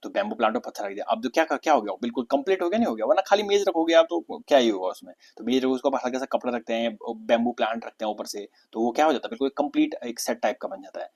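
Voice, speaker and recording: A man teaches an exam-prep vocabulary lesson at a mid-range pitch. He keeps asking the class questions and answering them himself, spelling out and repeating each key word. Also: lively intonation, racing, hardly any pauses, darkish tone.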